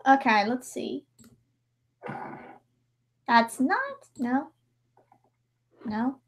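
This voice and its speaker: Extremely slowly, a high-pitched woman rambles through casual livestream chat as she edits. She's a livestream host and amateur voice-over editor with a theatrical manner and sudden bursts of mock drama.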